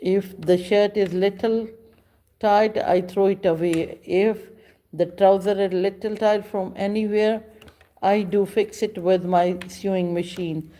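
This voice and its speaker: Slow, halting woman in her fifties. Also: mid-range voice, fairly even intonation, warm tone. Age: 50s. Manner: slow, halting speech with frequent pauses. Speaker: livestream host. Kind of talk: casual live chat with viewers.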